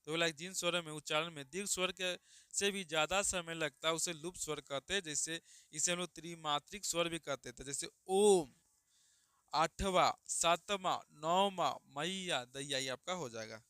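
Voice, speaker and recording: A man's voice: fairly high pitch, brisk, bright, forceful tone, clear, resonant tone, dry recording, studio quality. A man teaching grammar online, repeating each question and answer and calling students "babu.". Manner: calls listeners "babu" affectionately. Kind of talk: online exam-prep lesson.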